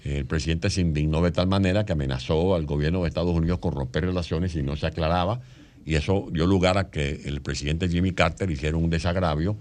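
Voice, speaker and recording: A man with a low, deep voice gives long explanatory answers. He speaks as a guest in a radio interview. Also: fast, darkish tone. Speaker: guest author.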